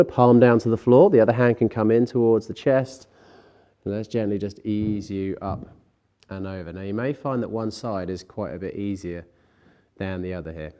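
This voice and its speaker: Nasal and stuffed up from a cold, a deep-voiced man instructs a guided stretching session. He keeps a calm coaching manner and tosses in gentle self-deprecating asides.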